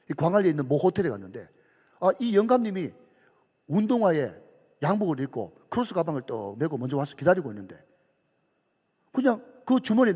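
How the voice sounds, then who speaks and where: A man's voice: on the high side, darkish tone, husky. A middle-aged man, a pastor telling a story in a sermon and acting out the voices of the people in it. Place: church sanctuary. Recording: church hall reverb.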